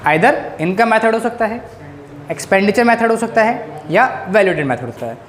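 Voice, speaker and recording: A male economics teacher giving a classroom-style lecture, drilling his students with quick questions. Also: high voice, expressive, a bit bright. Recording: echoey room.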